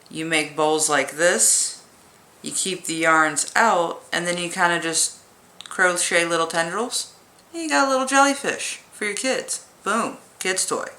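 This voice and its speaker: A woman with a fairly low, very bright voice chats casually through a hands-on craft tutorial. Her S sounds are sharp and her nose whistles faintly. She is jokey and self-deprecating as she explains. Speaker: crochet tutorial host.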